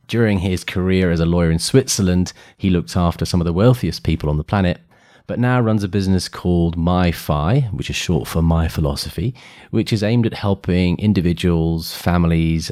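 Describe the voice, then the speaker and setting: A man's voice: low voice, darkish tone, no room sound, clean studio sound. A man hosting a podcast in a playful, conversational way. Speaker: podcast host. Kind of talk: casual chat with scripted introduction.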